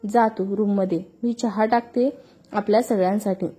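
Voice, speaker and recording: A caring middle-aged mother, gentle and giving, coaxing her family, as a female narrator puts her on. The voice is warm and mellow, with a husky grain, in a storybook reading. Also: mid-range voice, fairly even intonation, normal speed, natural voice.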